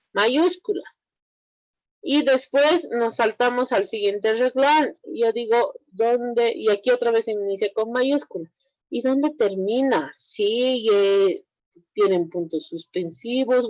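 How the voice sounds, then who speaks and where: A woman teaching a language class online, explaining slowly and often checking in with her students. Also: on the high side, darkish tone, no room sound, low-quality recording. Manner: slow, explanatory, asks students frequent check questions.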